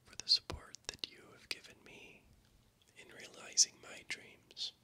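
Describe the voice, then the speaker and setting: A man in his thirties whispers a gentle ASMR ramble very close to a binaural mic, haltingly, moving from ear to ear. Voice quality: soft unvoiced whisper. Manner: gentle, encouraging. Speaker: ASMR channel host. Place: small room indoors at night. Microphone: binaural microphone, very close.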